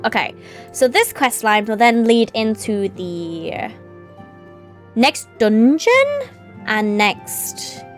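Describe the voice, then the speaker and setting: A woman live streamer chatting casually to her viewers in a playful, rambling, giggly manner. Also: fairly high pitch.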